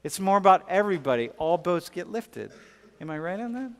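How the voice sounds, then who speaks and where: This professor has a high voice with big pitch swings and speaks a little fast. He lectures a class casually, stumbling through fillers and restarts while fielding student questions, all echoing with long reverb in a large hall.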